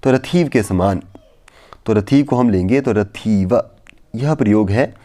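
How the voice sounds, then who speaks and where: Male Sanskrit tutor, warm dark tone, chants verses slowly then explains patiently. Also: on the low side. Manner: recites verses slowly, then explains in repetitive plain Hindi. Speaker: Sanskrit teacher. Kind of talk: explanatory lesson on phonetics.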